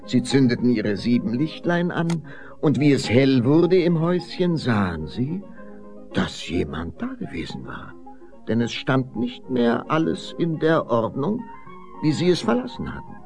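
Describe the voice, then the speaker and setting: Casting: male storyteller, unhurried fairy-tale reading, gravelly timbre, faint music behind. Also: mid-range voice. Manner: expressive, sweeping storytelling.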